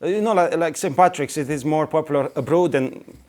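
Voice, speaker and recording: A man's voice: on the high side, a little fast, darkish tone. Hesitant Romanian-born man explaining. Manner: hesitant, many fillers, explanatory. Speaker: guest. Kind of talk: interview answers.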